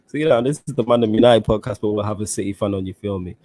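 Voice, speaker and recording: A man's voice: fairly low pitch, quick pace, dark tone, dry recording. London roadman man, casual football podcast host. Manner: roadman slang-heavy street delivery. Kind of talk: casual chat.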